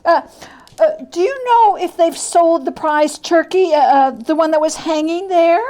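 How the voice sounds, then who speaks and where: Pitched extremely high, above her natural register, a woman reads a dramatic storybook in the role of a repentant old miser man. Her tone is darkish and her pace unhurried as she stammers and exclaims with overwrought emotion, the man pleading at first and then giddy and overjoyed.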